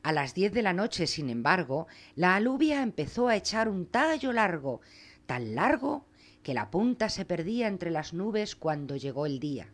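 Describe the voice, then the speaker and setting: A woman narrating a rhymed fairy tale with a playful, theatrical touch. Her pitch moves in a lively way through the verses. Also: normal speed, faint music behind. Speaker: storyteller.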